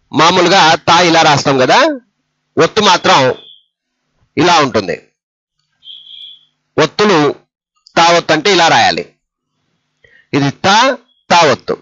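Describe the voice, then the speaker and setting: A man's voice: fairly high pitch, very animated, measured pace, long pauses, pushed and bright, dry recording, lo-fi sound. A man teaching a step-by-step lesson on writing letters, patient and repeating each letter. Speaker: Telugu script teacher.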